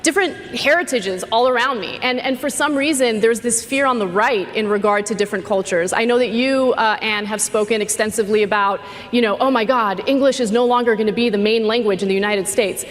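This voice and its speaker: A woman's voice: fairly high pitch, brisk, few pauses. A woman from Los Angeles arguing earnestly as a panelist in a live debate, on a handheld mic in a large convention hall. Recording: reverberant hall, faint ambience.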